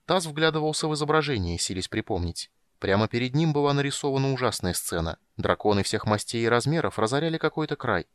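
A man narrating an audiobook in an expressive, animated reading. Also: medium pitch, quick pace, smooth, no room sound.

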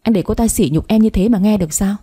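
A woman voicing a scheming young stepmother, shrill and quarrelsome, in a spoken story. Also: fast talker, dark tone, husky, close to an everyday voice. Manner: shrill, nagging.

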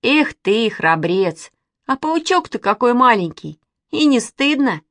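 A woman's voice: a little high, sing-song, measured pace, a bit bright, dry recording, studio quality, voice pushed up, full character voice. A woman voicing a bossy young girl who scolds and teases in a raised voice. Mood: teasing. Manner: scolding, teasing. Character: bossy sharp-tongued young girl Katya.

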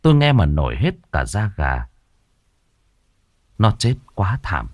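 A man narrating a ghost story in a slow, suspenseful and expressive way. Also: deep voice, dry recording.

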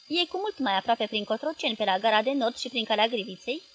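A woman reading the part of a moody young woman who speaks with cool, quiet irony. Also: on the high side, animated, breathy edge, muffled recording.

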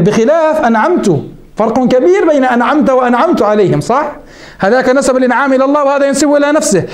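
A man gives a religious lesson. His voice is very high and he talks quickly. The room sounds echoey around him. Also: a little mellow. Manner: quotes the text then explains, asks rhetorical questions. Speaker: sheikh teaching Islamic jurisprudence. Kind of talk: religious lesson explaining a text.

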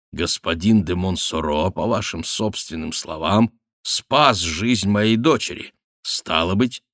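A man reading an audiobook plays an old baron who speaks slowly and solemnly about honor. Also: deep voice, a bit bright, no echo, clean studio sound, full character voice. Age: older.

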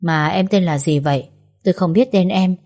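A woman voicing a gentle young boy who reassures a crying girl. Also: fairly low pitch, moderate pace, lightly acted. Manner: soft, reassuring.

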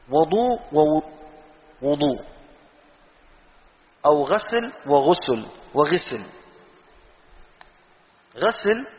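A man teaching a Quran exegesis lesson, reciting verses slowly and putting questions to his students. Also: a little high. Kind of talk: classroom tafsir lesson. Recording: tinny phone-like sound in a reverberant hall.

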